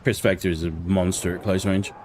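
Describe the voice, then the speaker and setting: Over a noisy background, a man with a low voice and level tone talks briskly as he live-streams a shooter game. His casual chat turns to blunt swearing when he's frustrated.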